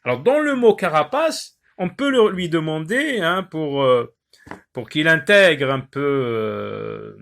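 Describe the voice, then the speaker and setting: A male teacher giving a lesson on syllables, repeating words slowly and pausing often with hesitations. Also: a little high, big pitch swings, creaky, a bit bright. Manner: slow, drawn-out word repetitions with many "euh" pauses. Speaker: primary school teacher.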